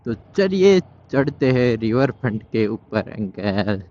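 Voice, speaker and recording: A man's voice: medium pitch, big pitch swings, slow pace, mellow. A man giving casual running commentary while riding through city traffic, scolding wrong-side drivers and slipping into Hindi phrases. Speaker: vlogger riding a motorbike. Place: on a motorbike in city traffic outdoors. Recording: dull lo-fi audio with faint traffic noise.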